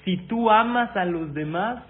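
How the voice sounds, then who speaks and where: A man's voice: high-pitched, a little slow. A man giving a sermon-style lesson, asking listeners questions and speaking to them directly, with Hebrew terms woven into his speech. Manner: weaves Hebrew terms into Spanish. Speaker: religious teacher. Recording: tinny phone-like audio with faint noise.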